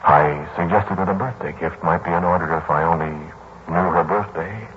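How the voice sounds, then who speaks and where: Brooding and reflective, this deep-voiced actor with a slightly bright tone tells of his haunted past as a troubled yet kindly lodger in a 1940s radio play. The first-person narration is slow and considered, shifting to pleading in the dialogue scenes. Audio comes through as a muffled, noisy old radio broadcast.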